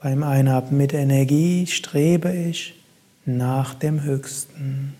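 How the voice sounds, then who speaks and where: A man guiding a meditation in a calm, soft-spoken way, with long pauses between instructions. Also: medium pitch. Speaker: meditation guide.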